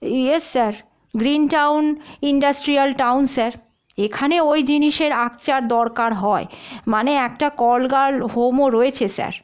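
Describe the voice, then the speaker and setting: A woman's voice: high-pitched, moderate pace, clean tone, lightly acted. Woman doing a servile hulking police officer. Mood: deferential. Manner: keeps saying "sir", hesitant fillers. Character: huge fearsome-looking male police officer, servile.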